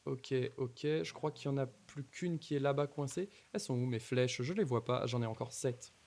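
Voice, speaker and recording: A man's voice: mid-range voice, moderate pace, a little mellow. A man giving casual commentary on his Minecraft playthrough, talking to the mobs and to viewers, repeating nervous exclamations in tense moments. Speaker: gaming YouTuber.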